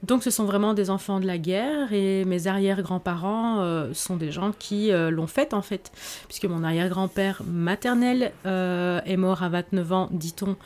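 A woman author, speaking in a podcast interview in a reflective way and often pausing on fillers. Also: mid-range voice, darkish tone. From Belgium. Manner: reflective, hesitant with frequent fillers. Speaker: author guest.

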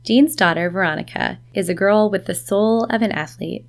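A woman reporter narrating a scripted news feature in a measured tone. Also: medium pitch, gravelly. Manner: measured, informative.

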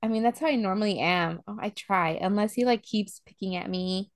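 Animated young woman telling stories. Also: medium pitch, a little fast, no room sound, clean studio sound. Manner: animated storyteller, acts out scenes. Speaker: podcast co-host. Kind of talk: casual chat.

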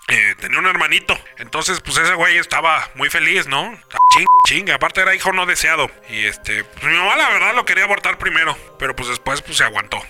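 A man calling in to tell a rambling, crude comic story about his lost little brother, full of slang and quick to take offense. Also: fairly high pitch, bright, forceful tone. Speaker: caller telling a horror story.

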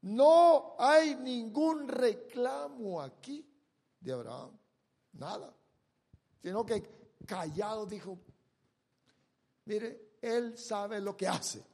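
A male preacher with a high, creaky voice and lively intonation retells a Bible story in his sermon. He acts out the characters' dialogue, moving dramatically between loud bursts and quiet, elongated words.

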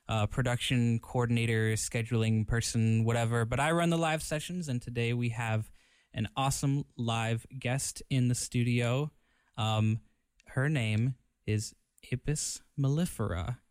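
A man hosting a casual radio interview in a studio, chatty and relaxed, full of fillers and easy laughs. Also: medium pitch, a little slow, clean tone, dry recording. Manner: laid-back, chatty, filler-heavy, laughs easily. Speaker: radio DJ and host. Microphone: studio microphone.

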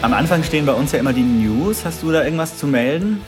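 A man's voice: on the high side, expressive, fast, over loud music. A man co-hosting a podcast in casual chat. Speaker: podcast co-host.

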